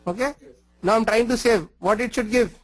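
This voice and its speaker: A man's voice: extremely high pitch, a little fast, dry recording. A man leading an online training session over a video call, casually quizzing the group.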